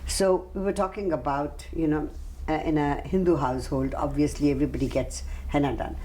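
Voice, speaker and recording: A woman's voice: low-pitched, fairly even intonation, brisk, a little hiss or hum. A woman hosting an interview show, guiding the guest with questions and frequent short acknowledgements. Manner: warm, encouraging interviewer with many short acknowledgements. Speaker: talk show host.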